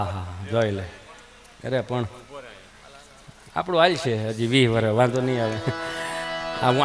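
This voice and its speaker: A man performing a live stand-up comedy routine, chatty and acting out little dialogues. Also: mid-range voice.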